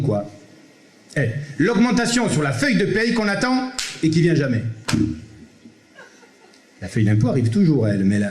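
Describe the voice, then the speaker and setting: A man's voice: medium pitch, a little mellow, reverberant. A man with a Provençal French accent performing a one-man comedy show, chatting theatrically with the audience and slipping into solemn recitation, recorded on an amateur camera in a theatre. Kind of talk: stand-up monologue with poetic recitation. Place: theatre stage.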